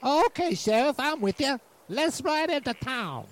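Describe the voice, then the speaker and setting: A man's voice: extremely high pitch, very animated, measured pace, a little hiss or hum, exaggerated voice. A man playing an eager, simple Western deputy with a limp. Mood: folksy. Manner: eager, folksy.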